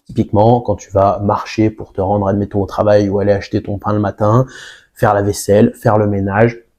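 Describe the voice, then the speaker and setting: Dark-voiced male fitness coach. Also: lowish voice, little pitch movement, brisk. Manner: explanatory, addresses the viewer informally. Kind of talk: direct-to-camera advice video.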